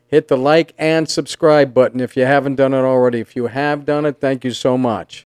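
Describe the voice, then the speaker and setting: A man's voice: medium pitch, fairly even intonation, normal speed, a little mellow, clean tone, no room sound, clean studio sound. A man hosting a casual interview podcast, upbeat and promotional, with a Southern Californian accent. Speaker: podcast host.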